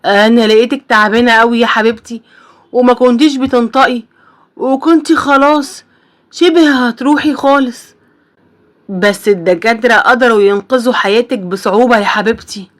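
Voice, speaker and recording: Woman voicing devoted young husband, Egyptian accent, tender and pleading, slightly high. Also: fairly quick, close to an everyday voice. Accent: Egyptian Arabic. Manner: tender, pleading, says darling often. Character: loving worried young husband. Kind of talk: storybook voice acting.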